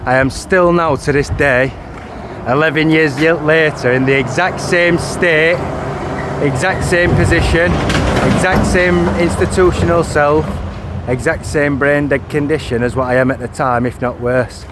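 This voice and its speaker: A vlogger in his 30s talks to camera outdoors by a street, with traffic noise behind him, repeating, restarting and correcting himself insistently in this first-person video. His voice is fairly high, fairly even in intonation and a little slow.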